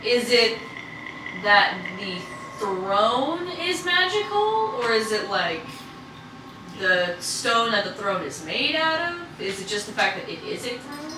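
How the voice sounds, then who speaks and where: A woman's voice: fairly high pitch, big pitch swings, slow pace. A woman playing a tabletop role-playing game, talking in casual chat about her moves. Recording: echoey room, distant mic, clear background noise.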